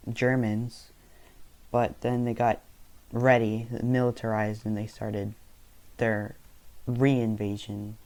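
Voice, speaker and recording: Narrating a map video, a young non-native English speaker talks in a medium-pitched, slightly mellow voice. He wanders casually through the story, frequently pausing to fix what he's just said.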